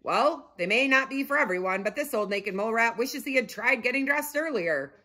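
A woman voicing a wise, regal old male naked mole rat who speaks slowly and grandly. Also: on the high side, lively intonation, pushed and bright, pitched above the performer's own voice. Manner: slow, grand and solemn.

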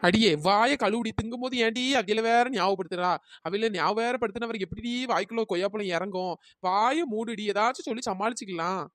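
A woman doing Chinnaponnu, sly fast-talking schemer. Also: mid-range voice, no room sound, natural voice. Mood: scheming. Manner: brisk, sly and persuasive. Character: sly young village woman, quick-witted schemer. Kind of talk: cartoon storytelling.

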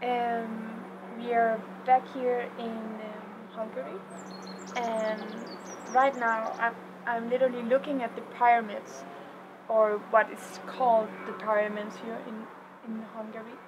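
A woman in her thirties speaking softly and dreamily in a casual vlog, halting with fillers, recorded outdoors on a mountainside by a camera mic a few metres away. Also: a little high, flat delivery, highs cut off. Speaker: vlogger. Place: outdoors in a rock cave on a mountainside. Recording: outdoor ambient noise.

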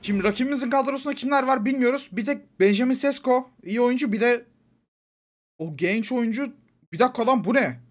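A young man giving casual, excitable commentary over a football video game, pleading with the coach and yelling at the referee. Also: very high voice, a little fast. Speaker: gaming YouTuber. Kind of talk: live gameplay commentary.

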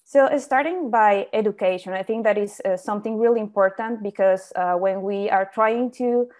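A young woman, giving a slide presentation over a video call, pausing often on fillers and restarting her sentences. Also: medium pitch, darkish tone. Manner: hesitant, many fillers and restarts. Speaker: invited speaker on indoor farming.

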